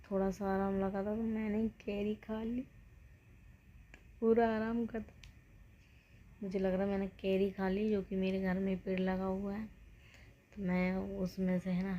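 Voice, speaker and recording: In a casual vlog chat, a woman in her thirties talks to her viewers at a medium pitch, the audio sounding dull. She's unwell with joint pain, rambles, and sometimes drops her voice to a whisper.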